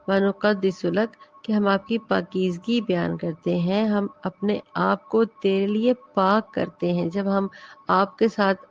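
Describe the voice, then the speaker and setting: A woman's voice: mid-range voice, vocal fry. A woman giving a religious lecture as a Quran teacher, explaining verses in a conversational way, reciting Arabic lines and mixing in English words. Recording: dull lo-fi audio with faint music.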